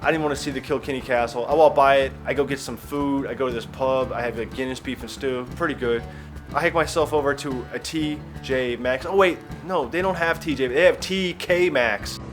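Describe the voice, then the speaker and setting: A man's voice: mid-range voice, a little fast, faint music behind. A young man vlogging his travels in a wry, rambling, self-mocking way. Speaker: travel vlogger and stand-up comedian. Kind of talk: casual vlog chat.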